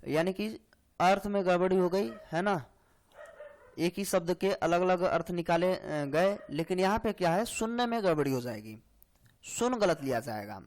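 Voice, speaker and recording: A man teaching grammar for exam preparation, explaining slowly and checking in often with "hai na" and "theek hai". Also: high-pitched. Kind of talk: exam-prep lecture.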